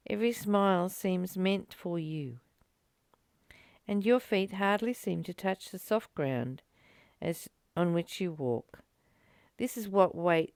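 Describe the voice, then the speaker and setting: A woman offers a reflective spiritual teaching, reading and commenting in short, earnest phrases that gently urge, with pauses between them. Her mid-range voice is clean, with no room sound.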